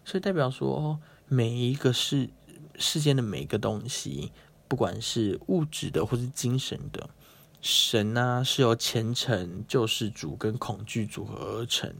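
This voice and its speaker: A man's voice: mid-range voice, a little slow, creaky, breathy edge. A man hosting a casual, playful explainer talk, chatting and acting out quotes. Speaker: host.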